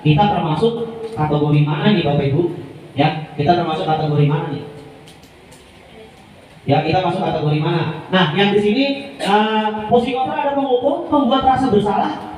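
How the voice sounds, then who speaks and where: With a high voice and darkish tone, a man presents a lively workshop to teachers as a trainer, keeping it chatty and informal. He frequently addresses the audience and mimics the way teachers speak. The recording is distant in an echoey room, with slight background noise.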